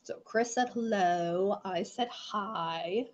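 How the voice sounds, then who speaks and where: A woman's voice: mid-range voice, slow, a little hiss or hum. A middle-aged woman hosting a live online gem show, chatting casually and rambling while congested and coughing from allergies. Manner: rambling, chatty, greets viewers by name. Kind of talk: casual live-stream chat.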